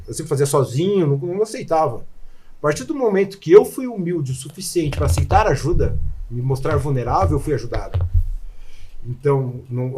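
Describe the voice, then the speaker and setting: A Brazilian man, a podcast guest, telling a personal testimony in an animated, emotional way and acting out his prayers aloud. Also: medium pitch, breathy edge. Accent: Brazilian Portuguese.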